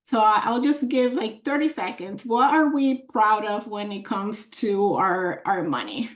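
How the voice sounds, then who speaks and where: A woman's voice: mid-range voice, lively intonation, a little slow. A woman from the Dominican Republic, a financial coach presenting an online workshop in an encouraging way, with many fillers and restarts. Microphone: computer mic on a video call.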